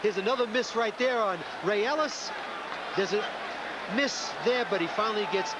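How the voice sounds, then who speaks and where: Emphatic high-voiced American male football analyst. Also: normal speed, a loud crowd. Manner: emphatic, repetitive, explanatory. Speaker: color commentator. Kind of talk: football analysis over replays. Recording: very noisy 1980s TV broadcast.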